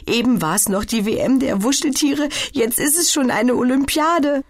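A woman voicing a lively, giggly young girl who squeals and shrieks in a storybook reading. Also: high-pitched, moderate pace, pitched above the performer's own voice. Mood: giggly excited.

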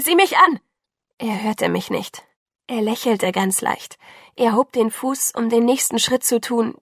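A woman reads a novel aloud in the first person, her voice gravelly and a little husky. The delivery is intense and breathless, close and dry. It sounds like a focused audiobook reading. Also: medium pitch, no echo. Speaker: audiobook narrator.

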